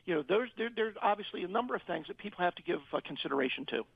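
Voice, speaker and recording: A man's voice: high-pitched, lively intonation, racing, breathy edge, no room sound, highs cut off. A middle-aged man explaining things as a financial advisor in a radio interview, often repeating words as he searches for phrasing.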